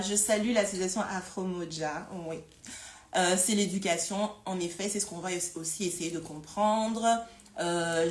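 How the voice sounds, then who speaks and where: A woman hosting a casual live stream, talking with frequent hesitations, repeated words and fillers. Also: on the low side. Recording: roomy echo with faint noise.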